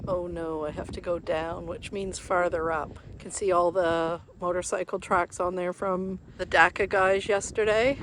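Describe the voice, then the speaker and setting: A woman's voice: on the low side, fairly even intonation, normal speed, hardly any pauses, a bit bright, rough recording. A woman giving breathless running commentary to her camera while climbing a big sand dune outdoors. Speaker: travel vlogger. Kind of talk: casual vlog narration to camera. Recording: strong wind noise outdoors. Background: wind noise.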